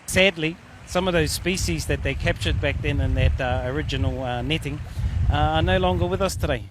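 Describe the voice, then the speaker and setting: Male field reporter, Māori New Zealand accent, slightly high voice, light outdoor background noise. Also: brisk. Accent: Māori New Zealand English. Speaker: on-location news reporter. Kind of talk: on-location video reporting. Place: outdoors by a river valley.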